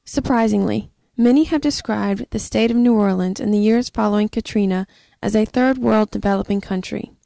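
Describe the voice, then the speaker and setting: A woman's voice: mid-range voice, normal speed, vocal fry, hardly any pauses, warm tone, no room sound. A woman giving a scripted documentary narration, reading evenly from a script.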